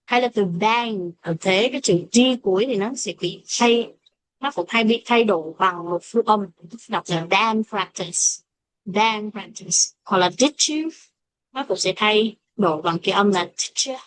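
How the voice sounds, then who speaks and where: A woman teaching an English pronunciation lesson, speaking English with a Vietnamese accent and slowing down to model example phrases. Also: medium pitch, no room sound. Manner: switches between explanation and slow modeled English examples. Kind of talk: classroom lesson explaining pronunciation.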